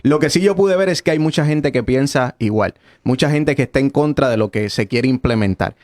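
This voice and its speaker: A Puerto Rican man speaking as a guest pastor on a radio interview, earnest and preachy in a quick flow. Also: medium pitch, a little mellow. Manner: earnest, preachy, fast-flowing.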